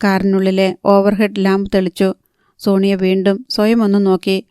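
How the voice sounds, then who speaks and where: A woman narrating a novel in a calm, even storytelling manner. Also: mid-range voice, normal speed, smooth, dry recording, studio quality. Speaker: audiobook narrator.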